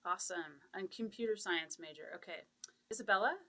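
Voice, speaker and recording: A woman's voice: medium pitch, brisk, sharp tone. A woman hosting a casual podcast interview, upbeat as she guides the conversation. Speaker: podcast host.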